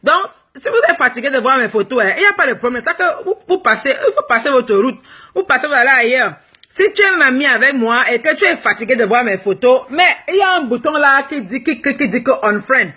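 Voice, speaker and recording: Frank Cameroonian woman vlogger, bright voice. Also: sits high, expressive, fairly quick, breathy edge. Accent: Cameroonian French. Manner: frank and teasing, slips English phrases into French. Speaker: plus-size fashion blogger. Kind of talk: live video answering viewer comments.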